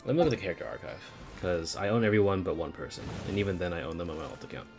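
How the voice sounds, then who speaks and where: Over video game music, a man with a deep, expressive voice streams his gameplay and chats casually at a rapid-fire clip. He thinks aloud in a rambling way and swears now and then, typical livestream banter.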